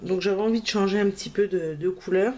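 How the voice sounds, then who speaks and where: A woman's voice: mid-range voice, fast talker, darkish tone. A woman crafting vlogger, talking in a casual, hesitant way with many fillers as she shows her purchases. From France. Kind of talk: casual haul video.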